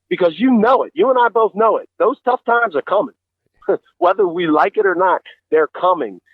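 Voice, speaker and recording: A man's voice: fairly high pitch, no room sound. A middle-aged man comes through with a narrow, phone-like radio sound, very dry and close. He talks conversationally and earnestly, like a guest giving motivational advice, explaining his points and putting questions to the listener. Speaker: interview guest.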